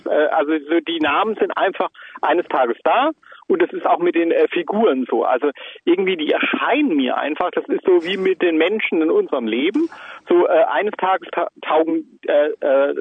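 A man being interviewed as an author, relaxed and hesitant with many fillers. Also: a little high, husky, dry recording. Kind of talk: casual interview. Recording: phone-like line.

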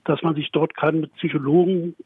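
A man in his fifties with a Berlin accent comes through a tinny phone line, his voice husky and a little higher than most men's. He speaks plainly and at length, often restarting his sentences mid-thought. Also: steady tone, brisk, no room sound. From Berlin outskirts, Germany. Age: 50s. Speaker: guest, pride association member. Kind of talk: interview over a phone line.

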